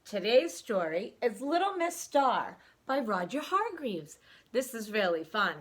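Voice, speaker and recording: At a measured pace and in a fairly high voice, a woman reads to young children, expressive and dramatic, often asking the listener questions.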